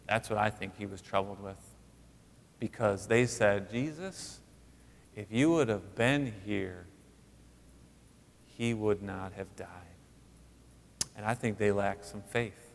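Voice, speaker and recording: A man preaching a sermon in a conversational way, with frequent rhetorical questions and sudden rises in pitch for emphasis. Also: long reverb tail. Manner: conversational, animated, rising emphatic asides. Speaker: pastor.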